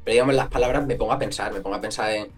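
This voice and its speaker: Hombre de voz grave, rápida, con acento extremeño. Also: male voice, lowish voice, faint music behind. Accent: Extremaduran Spanish. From northwestern Cáceres, Extremadura. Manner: fast, animated explaining with many fillers. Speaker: guest, language content creator. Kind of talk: casual interview explanation.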